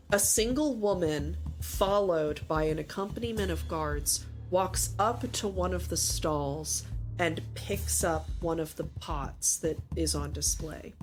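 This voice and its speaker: A woman narrates a tabletop role-playing game at a deliberate, unhurried pace, painting scenes with careful pauses. Her voice sits on the lower side for a woman, and music plays clearly behind her. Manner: descriptive, measured, with searching pauses. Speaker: game master. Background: background music.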